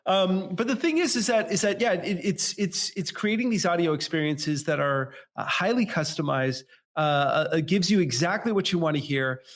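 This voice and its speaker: A man's voice: sits high, lively intonation, moderate pace. A man co-hosting a marketing podcast in casual chat, eager and often restarting his sentences. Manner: enthusiastic, stumbling restarts. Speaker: podcast co-host.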